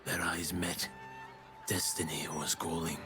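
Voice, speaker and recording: A video game cat as a hardboiled noir detective, with a low-pitched, brooding delivery. Each line comes as a grave, dramatic monologue about justice and fate. Music plays clearly underneath. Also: male voice, little pitch movement, measured pace.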